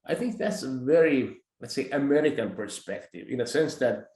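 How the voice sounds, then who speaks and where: Guy hosting, calm pushback, mid pitch, kinda echoey room. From Finland. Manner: measured, pushes back politely. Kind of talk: conversational discussion. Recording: roomy echoing audio.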